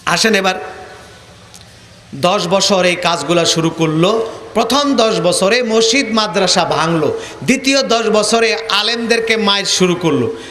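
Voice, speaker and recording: High-voiced Bangladeshi preacher in echoey room. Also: male voice, lively intonation, a little slow, fairly bright tone, slight background noise. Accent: colloquial Bangladeshi Bengali. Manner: storytelling with acted dialogue and mockery. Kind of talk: sermon.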